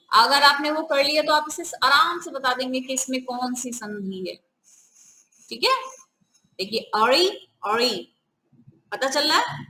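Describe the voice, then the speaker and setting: A woman's voice: high-pitched, sharp tone, reverberant, rough recording. A woman teaching a grammar lesson step by step, often asking the viewers questions. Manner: repeats "ठीक है", asks the viewers questions.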